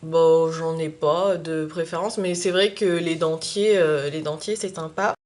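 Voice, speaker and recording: A young woman vlogging in casual chat, hesitant and full of fillers, often trailing off quietly at the end of her phrases. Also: deep voice, steady tone, a little slow. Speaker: YouTube vlogger.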